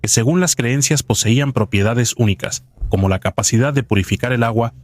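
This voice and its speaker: A man giving scripted documentary narration in a measured, even storytelling delivery, recorded close as a voice-over. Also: mid-range voice, dry recording.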